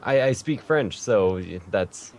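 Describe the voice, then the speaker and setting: A man with a low voice hosts a podcast interview. He talks casually and wanders a little, correcting himself as he goes. A faint hiss sits behind him. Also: expressive, a little slow. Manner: rambling, self-correcting, light laughter. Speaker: podcast host.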